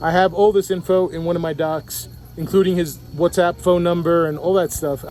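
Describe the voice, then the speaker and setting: Outdoors at a resort pool, a man from Puerto Rico holds a camera and vlogs casually about his trip, restarting sentences and using fillers. He talks at normal speed in a steady, fairly high voice with a darkish tone.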